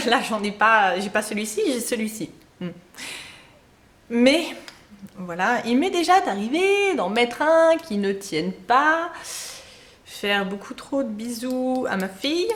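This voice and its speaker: A woman's voice: fairly high pitch, a bit bright. Chatty woman in an echoey room. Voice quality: chatty, laughs often, many fillers. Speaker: beauty vlogger. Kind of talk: casual beauty tips chat.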